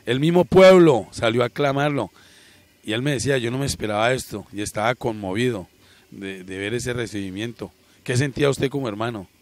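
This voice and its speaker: Earnest middle-aged TV reporter. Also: male voice, mid-range voice, fairly quick. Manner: earnest, moralizing. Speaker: local TV reporter. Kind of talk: TV interview and commentary. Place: outdoors by a sports ground. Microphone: handheld mic.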